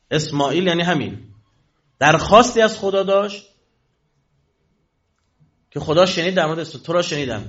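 A man with a slightly high, fairly bright voice delivers a religious lecture to an audience, posing questions and then answering them himself. The recording is dull and lo-fi.

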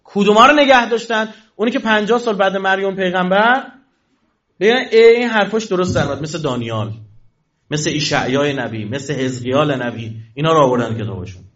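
A man's voice: a little high, lively intonation, fairly bright tone. A man giving a religious lecture to an audience, asking questions and answering them himself. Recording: dull lo-fi recording.

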